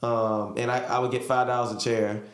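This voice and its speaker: Male podcast co-host, thirties, relaxed chatty delivery, mid-range voice, echoey room. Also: mid-range voice, normal speed. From Hampton, Virginia. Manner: relaxed, chatty, lots of fillers. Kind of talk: casual chat.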